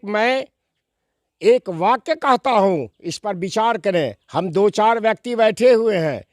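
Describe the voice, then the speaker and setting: A man's voice: high voice, a bit bright, no room sound, studio quality. A man, answering interview questions in an emphatic, preacherly way with rhetorical questions and quoted verses. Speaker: interviewee, scripture expounder.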